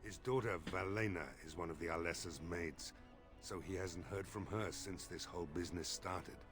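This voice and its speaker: A man's voice: deep voice, normal speed, faint music behind, close to an everyday voice. An actor playing a worried, blunt middle-aged male village mayor in a fantasy game, talking in a weary, pleading way. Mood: weary urgent.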